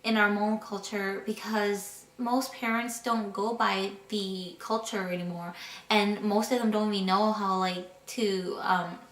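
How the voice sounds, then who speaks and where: A woman's voice: mid-range voice, steady tone, measured pace, fairly bright tone, recorded from a distance. Teen girl in an echoey room. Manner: hesitant, searching for words. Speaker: interviewee. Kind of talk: personal testimony in a documentary interview. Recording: echoey room, speaker off-mic.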